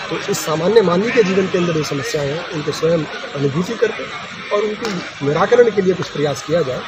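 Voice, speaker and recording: A man's voice: high voice, animated, brisk. A man answering a reporter's questions at a farmers' meeting, speaking earnestly and formally, sometimes restarting his words. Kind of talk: spontaneous on-the-spot interview. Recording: outdoors with loud background noise. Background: loud outdoor ambience.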